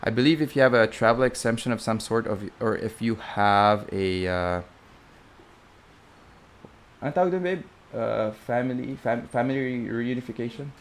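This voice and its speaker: Medium-pitched and lively in intonation, a young man speaks at normal speed with a Filipino accent. He's a flight instructor from the Philippines rambling through a live Q&A stream, chatty, filler-heavy and often correcting himself.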